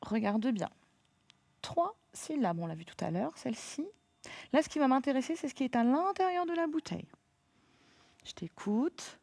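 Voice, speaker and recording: A woman's voice: sits high, lively intonation, moderate pace, long pauses, darkish tone, no echo. A woman teacher giving a remote lesson to young pupils, patient and encouraging, spelling words out letter by letter. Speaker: primary school teacher.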